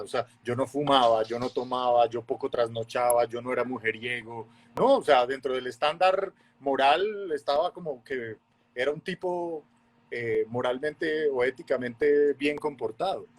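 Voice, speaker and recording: Man, 40s, animated storyteller, chatty guest testimony. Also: mid-range voice. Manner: lively storyteller, acts out voices and shifts loudness a lot. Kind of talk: animated testimony in a casual chat.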